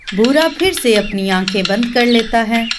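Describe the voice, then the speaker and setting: A woman's voice: on the high side, animated, measured pace, background noise. A woman narrator reading a scripted cartoon story. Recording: constant birdsong and clicks behind voice. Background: birdsong.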